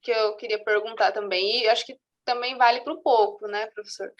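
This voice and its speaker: A woman's voice: fairly high pitch, fairly even intonation, a little fast, lo-fi sound. A woman student asking her teacher a question, hesitating as she searches for words.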